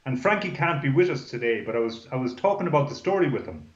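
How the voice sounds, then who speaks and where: A man in relaxed, chatty conversation, coming through a buzzy, glitchy video call that drops out. The line sounds dull and lo-fi, with a roomy echo around his mid-pitched voice. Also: fast talker. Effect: buzzy, glitchy video-call audio that breaks up. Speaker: co-host. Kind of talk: casual live chat.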